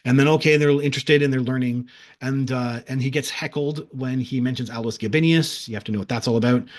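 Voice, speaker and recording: Speaking fast in a steady, medium-pitched tone, a man casually relates a vision from a past life. It's a rambling monologue packed with fillers and restarts, with occasional impressions of crowd voices.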